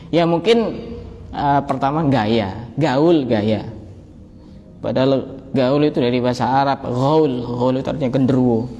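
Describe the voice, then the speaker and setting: A man's voice: mid-range voice, dark tone. A man giving a religious study talk, conversational and joking, acting out exchanges with students. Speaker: preacher. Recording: long hall reverb, faint background noise.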